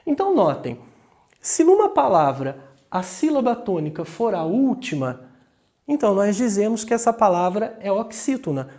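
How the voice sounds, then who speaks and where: This grammar teacher, a man with a Brazilian Portuguese accent, has a high, sing-song, slightly mellow voice. He goes slowly and deliberately, drawing out example words syllable by syllable while regularly checking in with the class.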